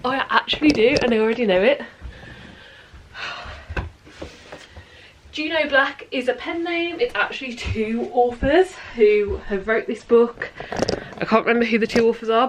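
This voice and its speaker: A woman's voice: on the high side, slight background noise. A British woman from the UK, chatting casually about her books in a rambling, giggly way. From United Kingdom. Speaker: book vlogger. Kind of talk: casual chat.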